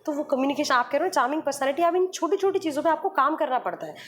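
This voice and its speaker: Radio jockey lady, kinda high voice, explains things slow and patient with examples, little bit of background hum. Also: lively intonation. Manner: explains patiently with examples, mixes in English phrases. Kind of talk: podcast interview conversation.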